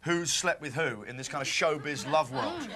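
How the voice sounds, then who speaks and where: South London TV presenter, high bright voice, rambling jokey banter. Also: male voice, normal speed. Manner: jokey, rambling, self-mocking. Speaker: breakfast TV presenter. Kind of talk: rambling newspaper review chat.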